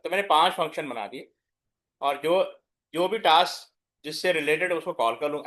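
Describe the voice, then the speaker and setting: A man's voice: fairly high pitch, a bit bright. A middle-aged male teacher giving a classroom lecture, explaining step by step, mixing in English terms and checking that his students follow. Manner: mixes English terms into Hindi speech. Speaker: computer science teacher.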